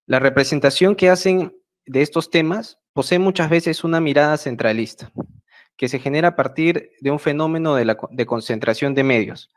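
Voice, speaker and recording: A man from Peru's central Andes with a Peruvian Spanish accent, giving a measured prepared talk at an online meeting, pausing often with hesitant fillers. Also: a little high. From Peru, central Andes. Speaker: speaker at an online project meeting. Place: home, remote video call. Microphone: video call mic.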